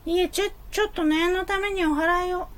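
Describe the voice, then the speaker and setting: Brazen, flighty office lady played by a woman: extremely high voice, blunt teasing, theatrical stage-comedy delivery. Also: fairly even intonation, a little fast. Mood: suspicious. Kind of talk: comic stage play acting.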